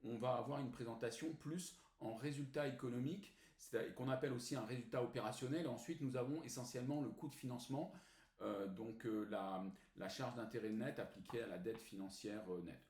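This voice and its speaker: A man teaching a finance lesson step by step, methodical and often pausing on fillers as he works through a formula. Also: mid-range voice, darkish tone. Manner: methodical, frequent hesitant fillers. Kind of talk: recorded whiteboard lesson. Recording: echoey room, faint noise.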